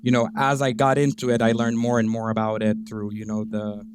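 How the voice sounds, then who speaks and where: A man in his thirties from Guatemala, a podcast guest talking through his career in a relaxed, halting way with lots of fillers. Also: lowish voice, background noise. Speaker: podcast guest, business owner. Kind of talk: conversational interview.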